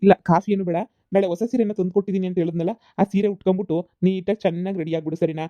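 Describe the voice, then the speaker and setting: A performer voicing a patient young village husband in a cartoon comedy, giving calm instructions. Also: medium pitch, rapid-fire, no echo, lightly acted. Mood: instructing. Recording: dull lo-fi dry recording.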